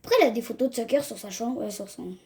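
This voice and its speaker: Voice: mid-range voice, quick pace, a little mellow. A young gamer, chatting casually to viewers over a let's-play in slangy talk. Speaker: gaming video host. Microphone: phone.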